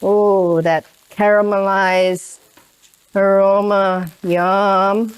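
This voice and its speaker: A woman hosting a cooking demonstration talks slowly and unhurriedly. Her voice is smooth and clear, at an ordinary pitch. She keeps tagging her lines with "right?" while a pan sizzles behind her. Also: flat delivery. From Indonesia. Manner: chatty, keeps asking "right?". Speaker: cooking show host.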